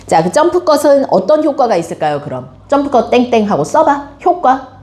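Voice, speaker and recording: Woman teacher explaining stuff to her class, kinda high voice, keeps asking the kids questions. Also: normal speed. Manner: animated, quizzes students with questions. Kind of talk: classroom literature lecture.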